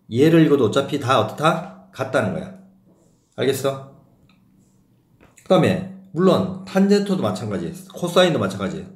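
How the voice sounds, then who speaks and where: A man teaching math in a classroom-lecture style. His voice sits a bit high and swings up and down a lot. He keeps asking his students questions and checks that they follow, and his voice rings around a roomy space. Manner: questions the students, often asks if they got it.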